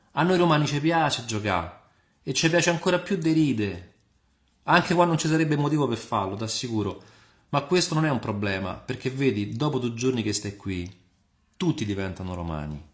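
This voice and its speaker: A man's voice: medium pitch, lively intonation, moderate pace, voice pushed up, natural voice. A man voicing a cheerful, teasing young Roman man who talks in a playful, reassuring way. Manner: playful, reassuring, repeats himself.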